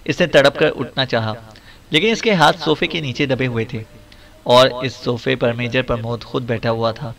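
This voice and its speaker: A man reading a spy novel aloud as an audiobook narrator, in a steady, dramatic storytelling manner. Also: mid-range voice, moderate pace, creaky.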